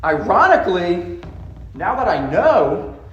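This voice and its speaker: A man preaching a sermon as pastor, telling the story with animated asides and acted-out quotes. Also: high-pitched, takes it slowly, roomy sound, lo-fi sound. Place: church sanctuary.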